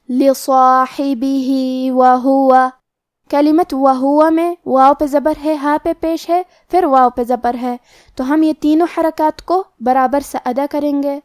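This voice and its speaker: A woman teaching tajweed, explaining each rule plainly and then reciting the words slowly. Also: sits high, a little mellow, dry recording, studio quality. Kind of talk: tajweed lesson with slow recitation.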